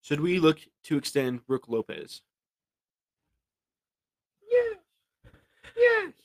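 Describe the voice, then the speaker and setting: A man's voice: a little high, huge pitch swings, slow pace, darkish tone. A young man co-hosting a casual sports podcast, reading listener questions aloud and sometimes stumbling over the words. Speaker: podcast co-host.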